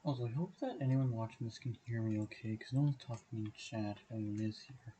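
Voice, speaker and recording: A slightly hoarse man streaming a game, thinking aloud and correcting himself as he goes. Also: on the low side, a little fast, dark tone, slight background noise, rough recording. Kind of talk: livestream gameplay commentary. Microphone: desk mic on a stand.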